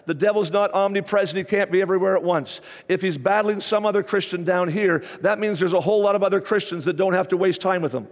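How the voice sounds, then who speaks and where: High-voiced preacher in a reverberant hall. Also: male voice, quick pace, hardly any pauses. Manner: repetitive, emphatic preaching. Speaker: pastor. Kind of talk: sermon. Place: church sanctuary.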